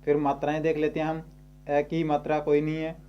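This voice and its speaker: Guy teaching grammar, bit higher voice, warm tone, says things twice, faint hum behind. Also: monotone, lo-fi sound. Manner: repeats and rephrases slowly. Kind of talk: explaining Hindi grammar.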